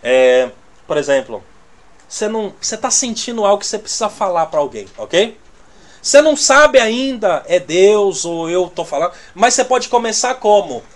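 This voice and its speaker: A man's voice: sits high, sing-song, normal speed. Man teaching a church class. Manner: conversational, checks the audience with constant "né?" and "tá entendendo?"; loudness swings from near-muttered asides to emphatic bursts. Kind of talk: teaching sermon to a congregation.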